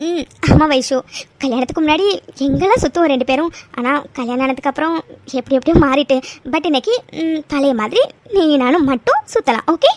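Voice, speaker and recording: A woman voicing a sweet young wife, very high. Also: animated, fairly quick, darkish tone. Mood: cheerful. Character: young married woman, cheerful and affectionate. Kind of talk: Tamil cartoon voice acting.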